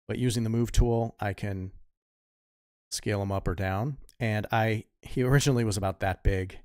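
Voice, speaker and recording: A man's voice: lowish voice, steady tone, moderate pace, darkish tone, no room sound, clean studio sound. A man in his fifties, a comic artist chatting casually while he draws, rambling and correcting himself as he goes, muttering asides to himself. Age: 50s. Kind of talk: casual tutorial chat while drawing.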